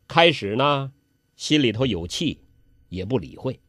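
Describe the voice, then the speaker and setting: Male storyteller, traditional style: slow, very animated, dramatic. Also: mid-range voice, no echo, clean studio sound. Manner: dramatic, swings between loud exclamations and hushed asides.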